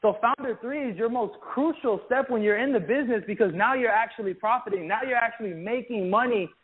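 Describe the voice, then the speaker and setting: Guy with a pretty high voice pumping up his team at a sales training, sounds tinny like a phone line. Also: fairly quick. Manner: energetic, keeps saying "guys", acts out sample calls. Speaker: business trainer. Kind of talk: motivational training talk.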